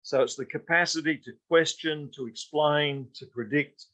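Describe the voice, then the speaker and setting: A man giving an unscripted college lecture, pausing often with fillers and restarting sentences. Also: on the high side, sharp tone, low-quality recording.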